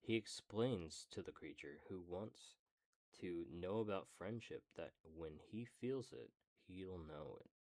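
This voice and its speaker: Male streamer, reading aloud; deep-ish voice, slow and relaxed delivery, casual with profane asides. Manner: casual, swears in side remarks.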